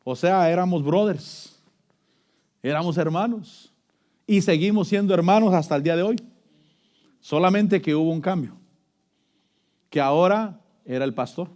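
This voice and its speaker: Male pastor, middle-aged, animated sermon delivery, dark mellow tone. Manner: animated preaching, swooping from high emphatic lines to low murmurs.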